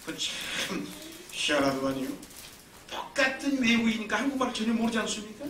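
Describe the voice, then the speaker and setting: A male pastor preaching a sermon in a lively, emphatic storytelling manner. His voice sits high and sounds bright and forceful. It carries through a roomy church from a mic set some way off. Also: a little fast. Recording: roomy, distant mic, faint noise.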